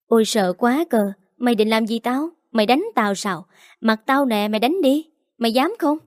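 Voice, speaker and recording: A woman's voice: a little high, lively intonation, brisk, a little mellow, no echo, clean studio sound, natural voice. A woman voicing a spiteful, bratty young woman who taunts and sneers, in an audiobook. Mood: taunting. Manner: sneering, mocking. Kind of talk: audiobook character voice. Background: faint background music.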